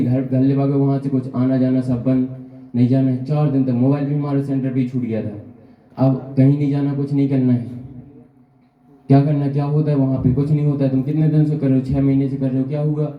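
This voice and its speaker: Man, motivational testimonial speech, storytelling with acted-out dialogue, echoey hall, muffled sound. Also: medium pitch. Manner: storytelling, acts out dialogue and asks rhetorical questions. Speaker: speaker at a business seminar. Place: meeting hall at a business center.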